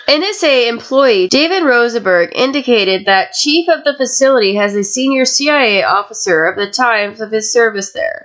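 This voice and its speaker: A woman with a slightly high voice, gone raspy for the night. She co-hosts a podcast and reads her research aloud at a steady, matter-of-fact clip. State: raspy voice tonight. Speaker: podcast co-host. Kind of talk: reading researched notes.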